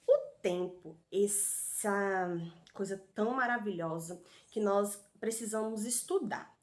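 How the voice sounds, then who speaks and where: Brazilian woman teacher, warm sing-song delivery for kids, sounds out syllables slowly. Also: medium pitch. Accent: Brazilian Portuguese. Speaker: primary school teacher. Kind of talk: online lesson for young children. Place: home recording with street dogs barking outside.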